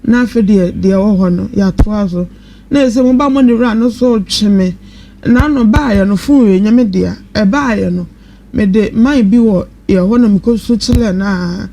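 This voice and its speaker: On a noisy live radio program, a female guest with a Ghanaian accent shares a personal account off the cuff. Her voice is mid-range and mellow, moving at a moderate pace.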